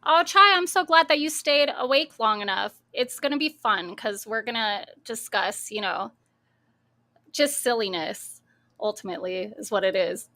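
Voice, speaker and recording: A woman's voice: fairly high pitch, normal speed, bright, forceful tone. A young adult woman hosting a casual live stream, chatty and easily amused, greeting viewers by name. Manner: chatty, greets chat names one by one, laughs easily.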